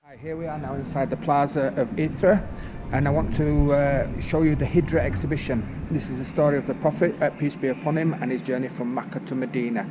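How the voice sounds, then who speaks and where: A man's voice: mid-range voice, steady tone, a little fast, few pauses. A British man presenting a casual vlog tour of a museum exhibition, friendly and self-deprecating with a few hesitations. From Britain. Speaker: host, museum project manager. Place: museum exhibition plaza, indoors. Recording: loud hum of air conditioning.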